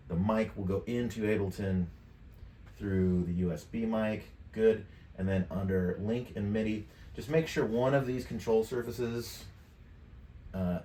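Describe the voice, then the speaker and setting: With a lowish voice, a middle-aged man casually guides viewers through software one step at a time, thinking aloud informally as he clicks. The setting is a home studio room, where he works at a computer desk. His USB microphone is some distance from his mouth, leaving the recording echoey with obvious background noise.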